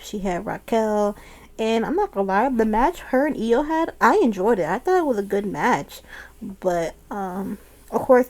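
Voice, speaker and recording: A woman's voice: medium pitch, warm tone. A woman casually recapping a wrestling show, chatty and often laughing as she retells it.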